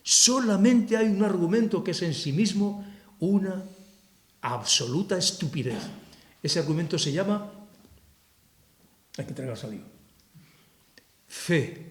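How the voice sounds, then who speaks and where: A man's voice: high-pitched, lively intonation, a little slow, pauses often. Impassioned man speaking in an echoey hall. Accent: Castilian Spanish. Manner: forthright, sarcastic, impassioned. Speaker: author presenting his book. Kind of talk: book presentation talk. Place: cultural society hall with audience. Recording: roomy hall echo.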